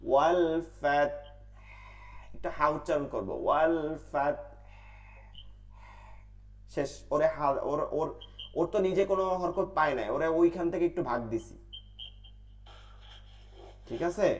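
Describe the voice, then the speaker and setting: প্রশ্ন করে নিজেই উত্তর দেওয়া পুরুষ কুরআন শিক্ষক. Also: male voice, a little high, measured pace, long pauses. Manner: asks questions and answers them himself, repeats rules in a drill. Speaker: Quran recitation teacher. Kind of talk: online tajweed class.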